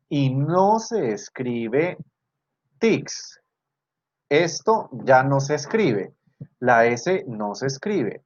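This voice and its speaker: A man's voice: medium pitch, a little mellow. A man with a Colombian Spanish accent, a university tutor who teaches in an online class and goes over student work. He explains step by step, repeats his points and checks that the class is following. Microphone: video call computer mic. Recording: slightly dull lo-fi call audio.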